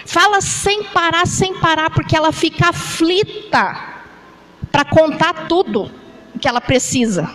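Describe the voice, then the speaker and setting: Slow, high-voiced Brazilian woman preaching. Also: animated, a bit bright, poor audio. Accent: Brazilian Portuguese. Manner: conversational, frequent tag questions to the congregation; demonstrates with gestures while talking. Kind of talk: church sermon on anxiety.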